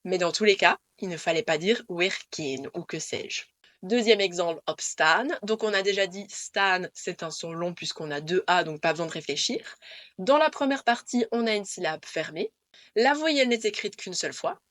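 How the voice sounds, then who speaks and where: A woman teaching Dutch pronunciation to camera, patiently repeating the rules in a clear way. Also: fairly low pitch, moderate pace, a bit bright, dry recording.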